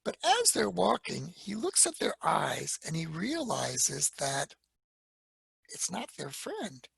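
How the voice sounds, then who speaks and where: Gravelly, husky man telling a story. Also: a little high, slow, no echo. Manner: animated retelling with quoted voices and fillers. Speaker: speaker giving a library talk. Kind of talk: storytelling talk to an audience. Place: public library talk.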